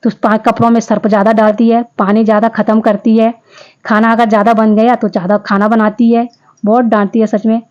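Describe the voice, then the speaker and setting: A woman in her fifties talks viewers through her day in a chatty, homely voice-over. Her voice is mellow and relaxed. The recording is dull and lo-fi. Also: on the high side, a little fast. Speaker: vlogger. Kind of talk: casual vlog voice-over narration.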